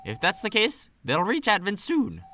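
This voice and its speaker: A man voicing a fussy, excitable old male owl professor in a game playthrough, speaking high and urgently. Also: moderate pace, a little hiss or hum, heavily acted.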